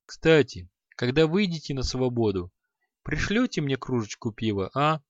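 A man's voice: mid-range voice, big pitch swings, moderate pace, no room sound, natural voice. A man voicing a sardonic chained demon who mocks and grumbles in an audiobook. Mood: sarcastic. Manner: sarcastic, mocking. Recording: slightly dull audio.

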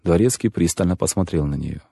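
A man narrating a literary story as an audiobook reader, measured and even. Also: low voice, vocal fry, husky, dry recording, studio quality.

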